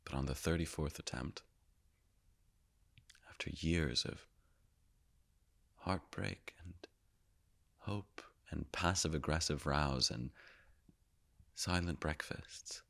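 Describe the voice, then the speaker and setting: An actor playing the Higgs boson as a calm, all-knowing narrator, telling his story in a measured way and sinking often into hushed whispers. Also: rumbling low, creaky, full character voice. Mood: hushed awe. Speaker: actor performing a stage monologue. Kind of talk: theatrical monologue.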